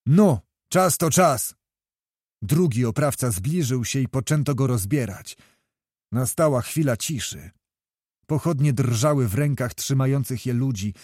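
A man reading a historical novel aloud as an audiobook narrator, in a measured storytelling manner. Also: mid-range voice, dark tone, no room sound, clean studio sound.

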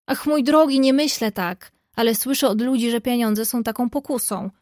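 A woman voicing an outspoken, quick-tempered young woman in a read-aloud story. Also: a little high, dry recording, clean studio sound, close to an everyday voice. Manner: lively, outspoken.

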